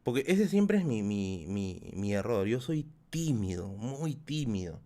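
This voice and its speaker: A man's voice: lowish voice, sing-song, measured pace, mellow. A man in his thirties with a Peruvian accent, telling a rambling story to his live chat as a streamer host, repeating phrases and laughing often. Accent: Peruvian Spanish. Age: 30s.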